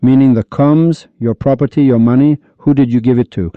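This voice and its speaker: A man's voice: mid-range voice, fairly even intonation, dry recording. Iranian guy ranting about religion, upset, firing off questions n insults, dry muffled lo-fi sound. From Iran. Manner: scolding, insulting, rapid-fire rhetorical questions. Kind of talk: heated religious monologue. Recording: dull lo-fi recording.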